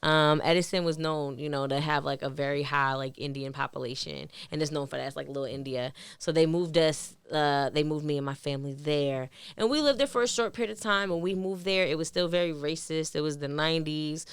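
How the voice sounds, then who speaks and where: A woman in her thirties with a Jersey accent, from New York City and central New Jersey, speaks in a low, clear, resonant voice, fairly quickly and with few pauses. She is a therapist guesting on a casual podcast, talking loosely and using lots of fillers. The recording is dry.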